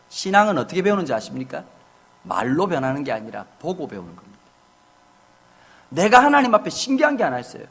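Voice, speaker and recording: A middle-aged man preaching in a church, with a high voice that leaps up and down as he tells funny stories about his family. His voice is husky, and he drops into short acted quotes of his wife and kids. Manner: humorous, animated storytelling with acted family quotes. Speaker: pastor. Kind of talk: sermon. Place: church sanctuary.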